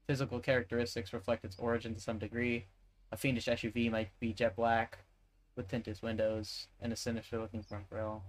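A man chatting at a tabletop game, rambling through spell rules with plenty of fillers. His voice sits at an ordinary middle pitch. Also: rough recording. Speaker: player. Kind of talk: casual tabletop game chat.

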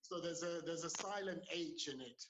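A man's voice: a little high, normal speed, fairly bright tone, lo-fi sound, slight background noise. Easygoing male podcast guest. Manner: easygoing, laughs often, many fillers. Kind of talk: casual podcast interview.

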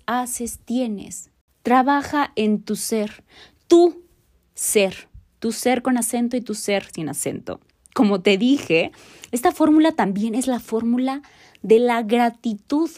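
A woman's voice: fairly high pitch, dark tone. A woman hosting a motivational podcast, talking earnestly and reflectively straight to the listener. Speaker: podcast host.

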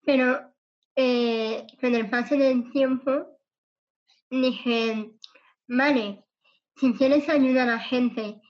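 Woman, altered strained voice after cancer, high-pitched, slow and earnest, dull lo-fi sound. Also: steady tone. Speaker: podcast guest. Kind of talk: interview conversation.

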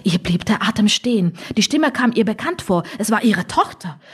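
A woman reading a story aloud with expressive, dryly humorous narration. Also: mid-range voice, normal speed, husky. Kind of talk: scripted audiobook narration.

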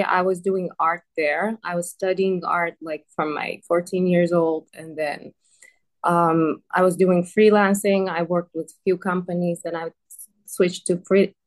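Answering interview questions as an artist guest, a woman from Iran who speaks Persian natively sounds hesitant, laughs often and leans on "um" and "like". Her voice is lowish, with little pitch movement, and a little slow.

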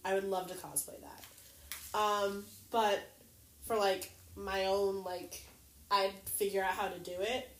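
A woman talks with friends in a loose, stop-start way, trailing off and restarting her thoughts. Her voice sits at a middle pitch. The room adds a noticeable echo, with a faint hiss behind it. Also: flat delivery. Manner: halting, many fillers and restarts. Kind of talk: casual chat. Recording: roomy echo, faint noise.

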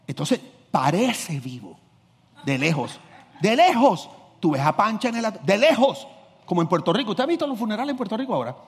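A man with a fairly high, husky voice preaching a sermon. He swings from loud, driving emphasis to low, confiding asides and acts out little scenes as he goes. The sound carries a long church-hall reverb. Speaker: pastor.

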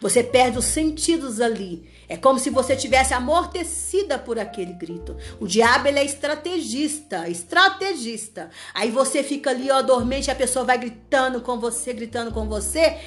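A woman delivers a fervent sermon, driving her points home through repetition and sharp commands. Her voice sits a little high. Faint instrumental music plays underneath. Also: lively intonation, moderate pace, hardly any pauses. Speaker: preacher.

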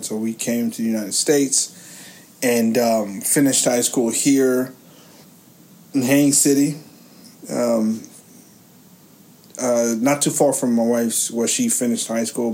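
A goofy, jokey Haitian man in his thirties co-hosts a podcast, rambling through his story in casual chat. His medium-pitched voice is a little mellow, and the recording quality is low.

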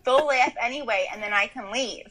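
A woman's voice: on the high side, fairly quick, a loud crowd, low-quality recording. A woman in her thirties with a South Jersey accent, a comedian joking animatedly in casual chat. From New Jersey. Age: 30s. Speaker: comedian, guest.

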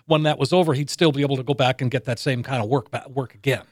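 A man's voice: mid-range voice, steady tone, fast, dry recording, clean studio sound. A man hosting a call-in radio show about retirement money, easygoing and agreeable, reading out the phone number.

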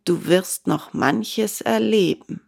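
A woman voicing a wise, poor old woodcarver father who speaks low and admonishing. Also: slow pace, creaky, breathy edge, exaggerated voice.

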